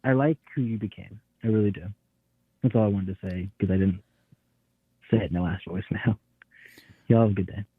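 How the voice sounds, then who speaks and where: A nineteen-year-old man speaks in an earnest voicemail message, heard through a tinny, phone-like line. His voice sits a little low, and the sound is dry. He talks haltingly and repeats words as he gets his thoughts out. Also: breathy edge, no room sound. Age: teens. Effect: voicemail played over a phone line. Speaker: caller leaving a voicemail.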